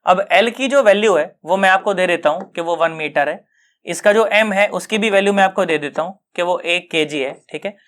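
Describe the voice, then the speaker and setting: A man's voice: high-pitched, brisk, fairly bright tone. A male physics teacher giving an online lesson. He talks colloquially and jokes, mixes in English physics terms, and keeps asking students whether they have understood.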